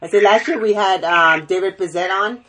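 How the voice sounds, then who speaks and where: A woman's voice: mid-range voice, moderate pace, heavy background noise. Muffled woman, as if through a wall. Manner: rambling, with many fillers and restarts. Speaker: show host. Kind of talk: casual online talk show chat.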